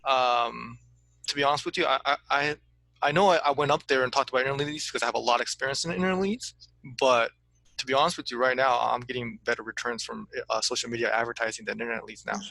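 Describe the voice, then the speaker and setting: A man with a gravelly, pushed, bright medium-pitched voice talks fast with fairly even intonation while coaching an insurance agent in a casual consulting chat. Eager and full of restarts, he repeats words when starting and says "to be honest with you"; the recording is dry with poor audio.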